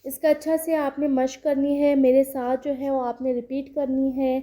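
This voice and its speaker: A woman with a Pakistani Urdu accent giving an online Quran reading lesson, patiently drilling each syllable slowly and repeating it. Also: sits high, flat delivery, warm tone. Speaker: Quran recitation teacher.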